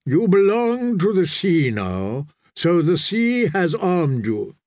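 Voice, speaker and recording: A man performs a stern, fervent sea-god priest for a fantasy audiobook, sounding solemn and commanding in a dramatic character voice. He pitches himself above his natural range, speaking high, sing-song and slow with a slightly mellow tone. The heavily acted read is clean studio audio with no echo.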